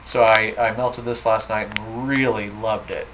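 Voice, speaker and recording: A man's voice: lowish voice, level tone, measured pace, noisy background. A man chatting enthusiastically on a home video vlog, with lots of fillers like "um" and "so". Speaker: vlogger. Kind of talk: casual chat.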